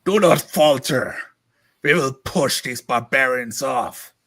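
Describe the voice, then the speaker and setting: A man's voice: medium pitch, slow pace, fairly bright tone. A man playing a rousing war chief in a tabletop game, calling troops to hold firm in a battle cry. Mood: rousing, defiant.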